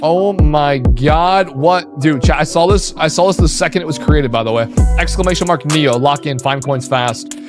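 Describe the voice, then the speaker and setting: A man livestreaming as a trader, giving excitable, slangy commentary with repeated exclamations. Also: a little high, moderate pace, music in the background. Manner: hyped, repetitive exclamations, bro-heavy slang. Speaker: livestreaming meme coin trader.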